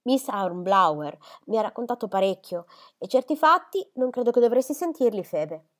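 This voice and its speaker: A woman's voice: a little high, lively intonation, normal speed, pitched above the performer's own voice, close to an everyday voice. A woman voicing a stern, disapproving older spinster who speaks in an admonishing, authoritative way.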